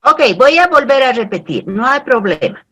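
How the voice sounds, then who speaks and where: A woman's voice: a little high, big pitch swings, normal speed, sharp tone. A woman lecturing on a video call whose audio keeps breaking up, talking hesitantly with many fillers. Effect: choppy, breaking-up video call audio. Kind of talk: online class lecture.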